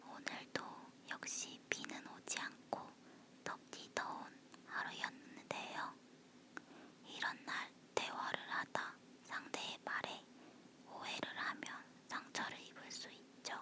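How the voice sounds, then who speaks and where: Slow whispering woman, leaning in close. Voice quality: breathy, unvoiced whisper. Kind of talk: whispered ASMR casual chat. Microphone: phone, close up. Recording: home phone recording.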